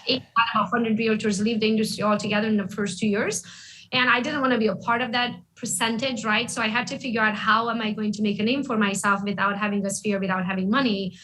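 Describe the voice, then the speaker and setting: A woman from Romania, a guest in an interview, telling her story in a candid, lively way and often checking in with "right?". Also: medium pitch, quick pace, low-quality recording. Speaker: guest, real estate agent. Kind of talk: casual interview talk.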